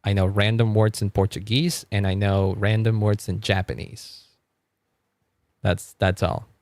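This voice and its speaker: A man from Argentina, a Spanish speaker and music streamer, chats casually on a live stream, rambling, stammering over repeated words, and laughing often. His voice sits on the low side with a darkish tone, and his delivery is flat and unhurried. There's no room sound.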